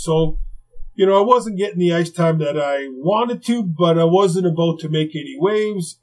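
An older man, a retired hockey player, tells stories in an interview in a lively, conversational way, with frequent asides and acted-out quotes. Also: on the high side, poor audio. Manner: lively, conversational, heavy on "you know" asides, acts out quotes. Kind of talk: anecdotal interview storytelling.

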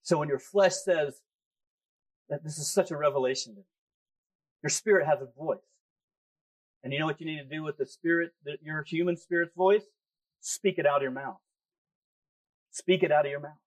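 A man's voice: fairly high pitch, moderate pace, pauses often. A man preaching a sermon as pastor, emphatic and repeating key phrases for effect. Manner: emphatic, repeats key phrases, talks back to his own flesh.

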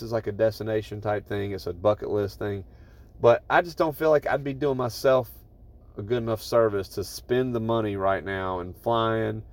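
A man hosting his own podcast, recorded on a phone voice recorder app. He talks in a casual, rambling monologue that is blunt and profane, with frequent restarts. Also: lowish voice. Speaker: podcast host. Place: inside his truck.

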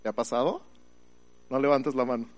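A middle-aged Mexican man preaching a lively sermon, quizzing his congregation and swinging between loud calls and quiet asides. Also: mid-range voice, normal speed. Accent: Mexican Spanish. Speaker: pastor.

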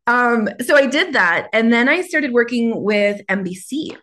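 A woman's voice: on the high side, unhurried. Podcast guest: woman, Minnesota accent, chatty storyteller who laughs a lot. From Minnesota, USA. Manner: animated, laughs often, acts out her past self. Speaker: podcast guest, creative mentor. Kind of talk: casual interview chat.

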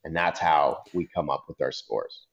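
A man's voice: extremely low pitch, moderate pace, vocal fry, highs cut off. A man judging an event, talking casually on a podcast, rambling with lots of "like" and "you know". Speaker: event judge, podcast guest.

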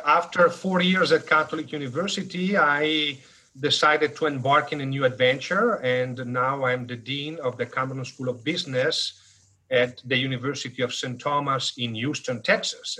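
A man in his fifties with an Italian accent tells his life story as an interview guest. His voice is bright and a little husky. He jokes, wanders and fills gaps with "you know" as he goes. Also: mid-range voice, normal speed, low-quality recording. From northern Italy. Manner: animated, jokey storyteller with frequent fillers. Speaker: guest, business school dean.

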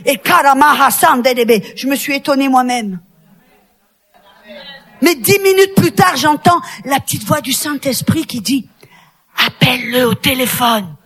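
High-voiced, impassioned woman preacher. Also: measured pace. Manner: impassioned storytelling with shouted, sung-out peaks; addresses a women's audience directly. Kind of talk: sermon.

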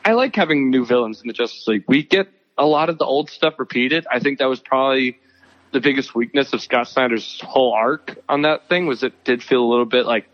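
A man's voice: medium pitch, brisk. Man on a lo-fi video call. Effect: video call audio, breaking up. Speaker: podcast co-host. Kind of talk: casual chat about comics. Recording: dull lo-fi video call audio.

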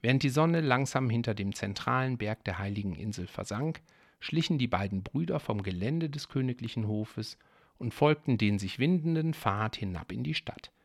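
Gravelly-voiced man reading a story. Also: medium pitch, dry recording, studio quality. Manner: calm, measured reading with casual asides. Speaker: story reader. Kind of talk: reading a listener's story aloud.

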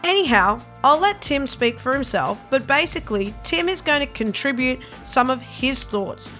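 A woman's voice: high voice, big pitch swings, moderate pace, bright, forceful tone, soft background music. Earnest Australian woman podcast host. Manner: enthusiastic, earnest. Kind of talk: scripted intro then casual interview.

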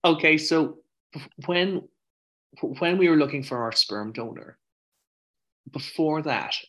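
An Irish man, a podcast guest, telling his own story in a frank, animated way, swearing freely and wandering off on tangents. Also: fairly high pitch, slow pace. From Ireland. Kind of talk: candid conversational storytelling.

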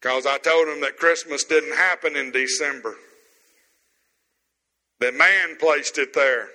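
Slow, bright-voiced preaching man. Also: a little high, long reverb tail, poor audio. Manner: preaching with slow emphatic stresses and pauses. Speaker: pastor. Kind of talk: sermon. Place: empty room.

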